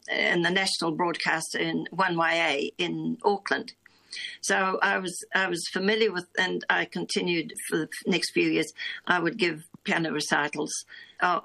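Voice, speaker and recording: A New Zealand woman in her nineties, a founding member of a broadcaster supporters' group, is a guest on a radio interview. Her lowish voice has vocal fry and a bright, forceful tone, and she talks reflectively and meanderingly with many restarts.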